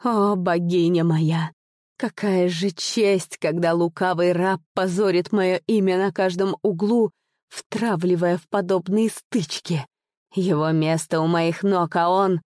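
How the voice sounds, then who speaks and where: A woman's voice: fairly low pitch, fairly even intonation, slow pace, a little mellow, dry recording, studio quality. A woman voicing a whimpering, frightened aging nobleman. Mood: pleading. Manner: pleading, whimpering.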